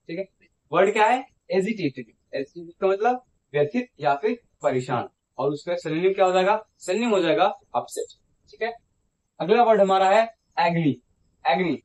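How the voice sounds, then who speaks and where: A man teaching English vocabulary in a repetitive classroom style, repeating each word, asking it back and checking in after every phrase. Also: high voice. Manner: ends phrases with a checking "theek hai". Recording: dull lo-fi sound.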